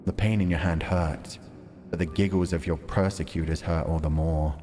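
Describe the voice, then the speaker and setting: This man streams himself reading a visual novel, giving it dramatic narration in a measured, deliberate way and chatting casually about it between passages. His voice is low, mellow and fairly even in intonation. Music runs in the background, with long reverb and a little hiss or hum.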